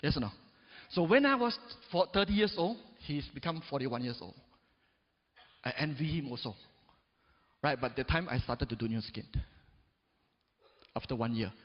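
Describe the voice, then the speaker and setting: A man in his forties gives an expressive motivational speech from the stage at a moderate pace, pausing often and peppering his talk with "right?" and "yes or no?" to the crowd. He is emphatic, swinging between loud rises and low drops. The recording is dull, made in a big reverberant hall.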